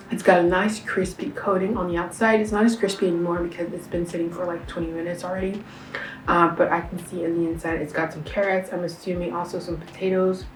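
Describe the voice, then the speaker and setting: A young woman from Canada in a casual food-tasting vlog, chatty and enthusiastic, with lots of fillers and slang. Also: lowish voice. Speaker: vlogger. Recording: roomy sound, a bit far from the mic.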